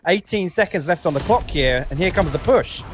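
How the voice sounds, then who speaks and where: A man's voice: fairly high pitch, animated, fairly quick, a little hiss or hum. A man with an Essex accent giving conversational, analytical commentary on an esports match, sometimes correcting himself mid-sentence, over a headset mic. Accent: Essex English. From Essex, England.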